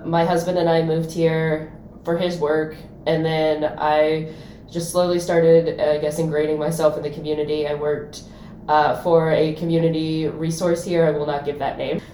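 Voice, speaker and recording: A young woman from Ohio co-hosting a casual podcast, with dry, deadpan humor. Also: deep voice, moderate pace. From Ohio, USA. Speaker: podcast co-host. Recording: roomy, faint background noise.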